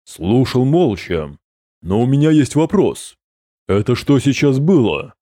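A man voicing a calm, cold male sorcerer who speaks in a cutting, sarcastic way. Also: mid-range voice, a little slow, dry recording, clean studio sound, pitched above the performer's own voice.

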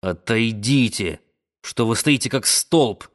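A man voicing a forceful, decisive tycoon who barks orders in a hoarse voice. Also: medium pitch, slow pace, natural voice. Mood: commanding. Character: commanding middle-aged tycoon, forceful and decisive.

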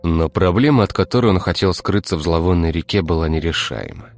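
A man narrating an audiobook in a measured, even storytelling manner. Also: low voice, vocal fry.

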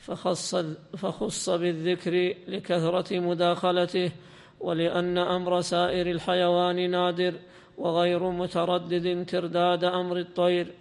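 High chanting man reading aloud. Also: completely flat delivery, creaky, clean tone. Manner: lilting, drawn-out chanting delivery. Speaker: student reader. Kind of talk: melodic reading of a classical text. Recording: long hall reverb.

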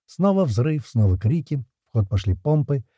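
A man narrating a first-person audiobook in a dark, mellow, husky voice. The sound is close and dry. His telling is gritty and tense. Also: mid-range voice, sing-song, normal speed, no echo.

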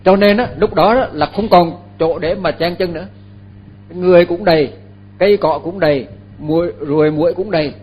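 An older man, a Buddhist monk, giving a dharma talk in an unhurried, halting way with many fillers and repeated words. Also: high-pitched, darkish tone, breathy edge.

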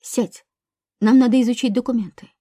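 A woman's voice: on the high side, fairly even intonation, moderate pace, warm tone, breathy edge, no room sound, studio quality. A woman voicing a stern, commanding, possessive young man in an audiobook. She does not shift far from her own voice for him.

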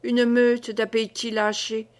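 A woman reading a classic novel aloud as an audiobook, with dramatic, measured narration. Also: a little high, level tone. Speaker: audiobook reader. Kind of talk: scripted narration.

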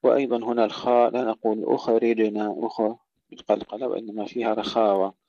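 A man teaches Quranic recitation in a lowish, mellow voice. He drawls short verse fragments slowly and a bit louder, then explains each rule calmly. The recording is dry and a little dull. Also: dry recording.

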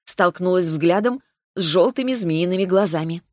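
A woman narrating a first-person fantasy audiobook in a wry, even storytelling manner. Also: on the low side, normal speed, dry recording, clean studio sound.

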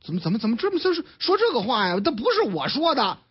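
The recording carries a dull lo-fi radio sound as a Beijing-accented man narrates the news in a colloquial storytelling style, playing the characters himself. His very high voice is breathy-edged and quick, with wildly swooping pitch.

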